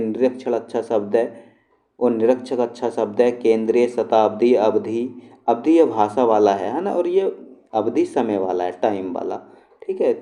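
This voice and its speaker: A man's voice: mid-range voice, mellow. A man teaching a spelling lesson, explaining patiently and checking in often with his students. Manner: explains patiently, with frequent check-ins to the class. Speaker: shorthand and typing teacher.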